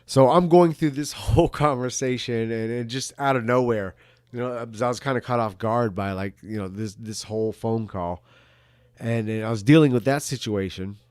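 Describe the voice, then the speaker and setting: A middle-aged man in a casual, rambling monologue as a video host, halting and repeating words, with some casual swearing. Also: mid-range voice, a little mellow, clean tone, no room sound, clean studio sound. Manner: casually foul-mouthed. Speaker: video host answering viewer questions.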